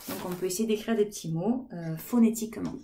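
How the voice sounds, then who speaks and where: A woman teaching a remote lesson to kindergarten children, gently encouraging and counting aloud with them. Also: mid-range voice, fairly quick, slight background noise.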